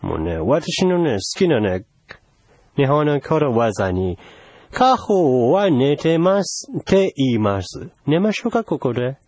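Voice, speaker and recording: A man's voice: mid-range voice, sing-song, unhurried, a little mellow, no room sound. A man playing a pushy, teasing older foreign envoy in a solo comedy sketch, wheedling in broken Japanese with English phrases.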